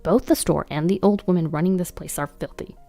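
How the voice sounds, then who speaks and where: A woman voicing a rude, scornful older father-in-law in a flat, sneering tone. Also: on the low side, fairly quick, faint music behind, close to an everyday voice.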